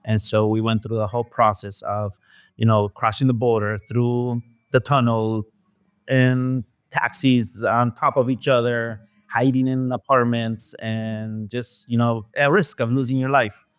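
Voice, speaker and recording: Soft-spoken hesitant man, smooth voice. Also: mid-range voice, flat delivery, unhurried, no room sound. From Mexico. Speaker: guest, restaurant owner. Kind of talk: casual interview talk.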